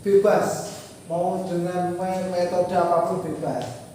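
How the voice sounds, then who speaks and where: A man's voice: high-pitched, flat delivery, takes it slowly, warm tone. A male teacher speaking to his class with an Indonesian accent, encouraging and direct. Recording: echoey classroom from far off, background noise.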